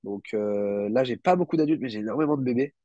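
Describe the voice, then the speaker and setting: This guest isopod breeder, a bit stuffed up from a cold, casually explains woodlouse breeding on a livestream in a mellow, mid-range voice at a quick pace. He's hesitant, full of fillers and searching for words, and the audio is dull with no echo.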